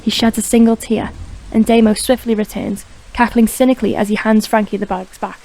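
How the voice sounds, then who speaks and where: A woman narrating an audiobook crime drama in a steady, even reading voice. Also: fairly high pitch, fairly quick. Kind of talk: scripted narration.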